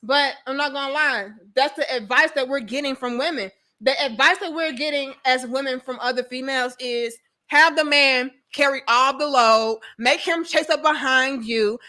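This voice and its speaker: A woman's voice: high-pitched, sharp tone. A young woman with a St. Louis accent talking informally and bluntly to livestream viewers, emphatic and repetitive, with casual swearing. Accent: St. Louis, Missouri. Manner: blunt, emphatic, repeats phrases, swears freely. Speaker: livestream host giving relationship commentary.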